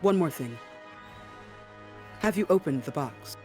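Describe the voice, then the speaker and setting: A man playing a guarded, commanding hooded contact in a tabletop game, speaking in formal, measured orders. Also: a little high, expressive, a little mellow, soft background music. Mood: stern, businesslike. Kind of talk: tabletop role-play.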